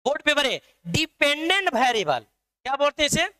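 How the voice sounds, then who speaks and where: A man's voice: extremely high pitch, very animated, fairly quick, sharp tone. A man teaching an online math lesson, drilling his students with repeated questions.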